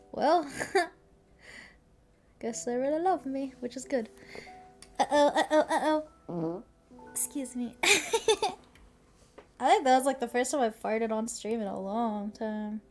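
A woman's voice: on the high side, a little mellow. A young woman streaming live, chatting casually with her viewers, giggly, apologetic and rambling. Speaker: vtuber streamer.

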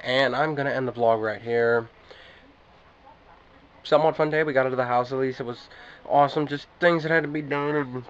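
A man's voice: medium pitch, highs cut off. A man doing a casual daily vlog to camera, chatting loosely and speaking straight to his viewers. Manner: rambling, chatty, addresses viewers directly. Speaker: daily vlogger.

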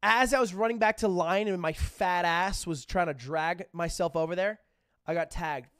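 A man's voice: high-pitched, moderate pace, fairly bright tone, smooth, no room sound, studio quality. A male streamer telling a funny childhood story in a casual, self-deprecating way.

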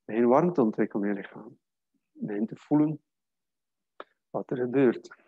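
Gravelly man guiding yoga. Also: mid-range voice, moderate pace, dry recording, narrow, tinny audio. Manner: calm, steady cueing of breath and posture. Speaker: yoga teacher. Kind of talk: guided yoga class instruction.

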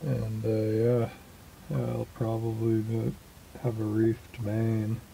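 A man talking casually in a slow, halting way with many fillers, recorded in a small boat cabin at anchor. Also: fairly low pitch, completely flat delivery, creaky, dark tone, slight background noise, rough recording. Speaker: small boat sailor vlogging. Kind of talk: casual spoken log.

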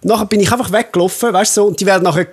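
A man's voice: sits high, rapid-fire, breathy edge. A young adult man with a Swiss accent hosting a casual comedy podcast and telling stories with energy. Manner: animated storyteller. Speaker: podcast host.

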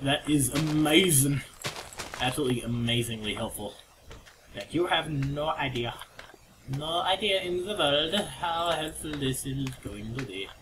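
A chatty man rambles through casual game commentary at an ordinary pitch, breaking into sudden excited yelps. The home recording is noisy, with keyboard clicks rattling behind him. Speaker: let's play commentator. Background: keyboard typing and clicks.

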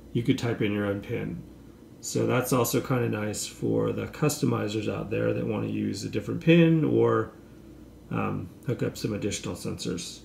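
A man with a medium-pitched, gravelly, darkish voice gives an informal, explanatory hands-on product demonstration. He works at a table in an indoor room, captured in a roomy recording with faint background noise.

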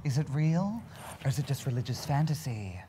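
A man's voice: medium pitch, sing-song, a little fast, mellow, slight background noise. A man presenting as a campy drag queen hostess, with arch, theatrical, scripted comic delivery. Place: TV studio set.

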